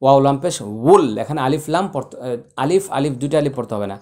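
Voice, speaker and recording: A man teaching Quran recitation, spelling out letters slowly and chanting verses with long drawn-out vowels. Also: on the high side, lively intonation, darkish tone. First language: Bengali.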